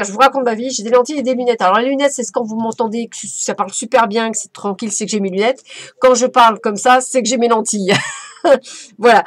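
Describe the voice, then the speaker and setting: A woman's voice: on the high side, no room sound. A woman giving a casual, playful oracle card reading as a medium, chatty and effusive. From France.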